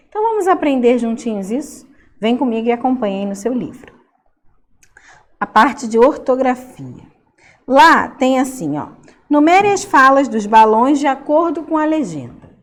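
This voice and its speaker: A young woman teacher giving a recorded Portuguese class to children, explaining in a sing-song way and checking in often with "ok?". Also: a little high.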